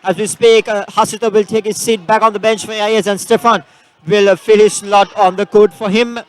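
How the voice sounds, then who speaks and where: High-voiced male basketball play-by-play caller. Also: level tone. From Sri Lanka. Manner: rapid play-calling with frequent fillers. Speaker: basketball commentator. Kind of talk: live sports play-by-play.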